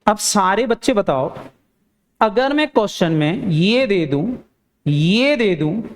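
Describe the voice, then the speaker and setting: Guy teaching accounts class, keeps firing quick questions at students then answers them himself, pushy and repetitive. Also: high voice, animated. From India. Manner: urging, repeats phrases for emphasis. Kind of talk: classroom lecture.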